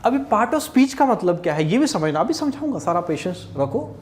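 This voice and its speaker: At a classroom whiteboard, a man from India with a Haryanvi Hindi accent gives a chatty exam-prep English grammar lecture, calling students "bachche" and checking in with repeated "theek hai". His voice sits high and is very animated, at normal speed.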